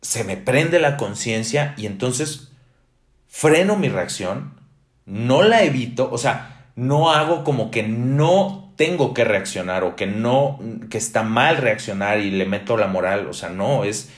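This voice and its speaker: A man's voice: mid-range voice, lively intonation, unhurried. A young Mexican man giving a casual reflective monologue, blunt and emphatic, swearing freely as he drives his points home. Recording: roomy echo.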